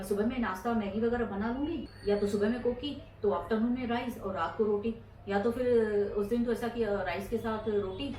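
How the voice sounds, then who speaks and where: A woman's voice: medium pitch, a little mellow, echoey room, a little hiss or hum. A middle-aged woman from India chatting her way through a casual home vlog, rambling about her daily chores. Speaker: vlogger. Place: home interior.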